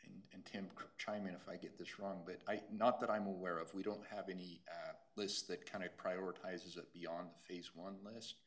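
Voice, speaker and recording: A man answering questions off the cuff as staff at a public meeting, halting and repeating his words. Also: low-pitched, little pitch movement, fairly bright tone.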